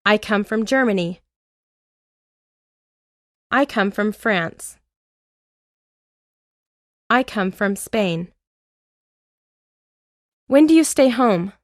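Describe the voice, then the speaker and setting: A woman reading an English lesson aloud, with clear, deliberate drill phrases and an American accent. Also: medium pitch, expressive, dry recording, clean studio sound. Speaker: English teacher. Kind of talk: slow scripted lesson reading.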